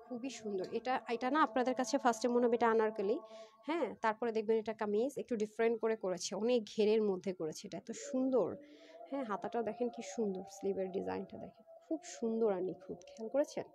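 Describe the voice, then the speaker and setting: A woman's voice: on the high side, fast, darkish tone, a little hiss or hum. A woman hosting a live-stream clothing sale, chatty and persuasive, often asking her viewers "right?". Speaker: online clothing seller. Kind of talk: live-stream sales pitch.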